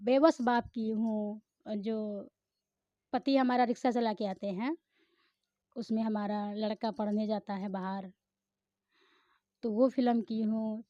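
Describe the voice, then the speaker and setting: A woman's voice: on the high side, no echo. Rambling woman actor in an interview. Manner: chatty, rambling, with many hesitations. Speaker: film actor. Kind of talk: interview answers. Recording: slightly muffled, dry recording.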